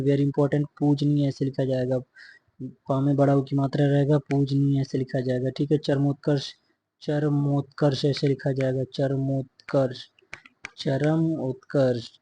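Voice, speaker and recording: A man's voice: mid-range voice, warm tone, a little hiss or hum. A man teaching a methodical exam-prep spelling lesson, repeating each word and checking in often. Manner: repetitive, methodical dictation with frequent "theek hai" check-ins.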